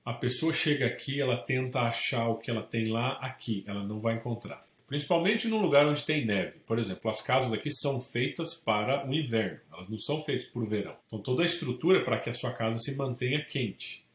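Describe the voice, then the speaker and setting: A Brazilian man, a real estate agent, telling lively stories in a casual interview and acting out the people in them. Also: medium pitch, fast talker, few pauses. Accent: Brazilian Portuguese. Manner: animated anecdotes, acts out quoted people. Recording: echoey room.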